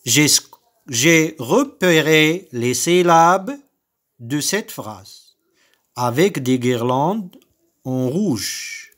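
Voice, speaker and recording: A man with a Moroccan French accent teaching young children to read, saying words and syllables slowly and repeating each one. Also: fairly high pitch, expressive, a bit bright. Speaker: primary school teacher. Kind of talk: slow recorded reading lesson for young children.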